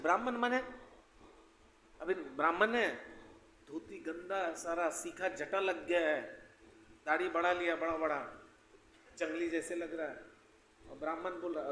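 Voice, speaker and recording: A man's voice: on the high side, pushed and bright, slight background noise. A man giving a devotional scripture lecture in a conversational, anecdotal way, often wry. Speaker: preacher giving scripture class. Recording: echoey hall with faint ambience.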